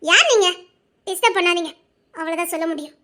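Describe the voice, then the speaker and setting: Brief: actress playing squabbling schoolgirls, quick teasing banter, very high voice. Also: noisy background. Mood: gossipy. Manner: bickering, teasing, quick back-and-forth. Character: chatty teenage schoolgirls gossiping after an exam. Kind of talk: audio drama acting.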